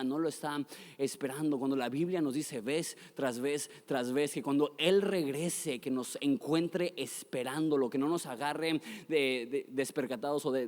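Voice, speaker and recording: A young adult man preaching a sermon in a relaxed, joking way, with laughs and restarts. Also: medium pitch. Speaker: pastor. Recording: long hall reverb.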